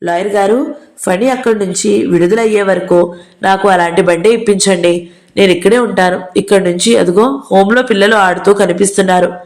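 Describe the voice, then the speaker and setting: A woman's voice: medium pitch, normal speed, a little mellow, natural voice. A woman voicing a grieving young mother in a storybook reading, with an earnest, plain delivery.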